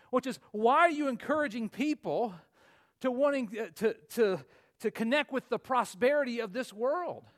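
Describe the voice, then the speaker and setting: Forties male preacher, high-pitched, earnest, builds to emphatic peaks. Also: a bit bright. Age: 40s. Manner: earnest, rising to emphatic peaks then dropping low. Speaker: pastor. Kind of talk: sermon.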